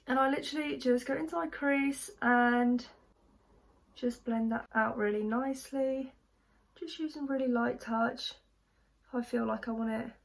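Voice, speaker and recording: A young South African woman who grew up speaking Afrikaans chats casually while doing her makeup for a vlog. Her fairly high, creaky voice stays relaxed and talkative, and she leans on "literally" and "just" a lot in this easygoing tutorial chat.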